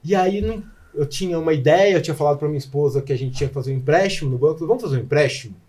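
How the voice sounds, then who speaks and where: A Brazilian man, a podcast guest, telling a personal testimony in an animated, emotional way and acting out his prayers aloud. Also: a little high, very fast. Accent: Brazilian Portuguese.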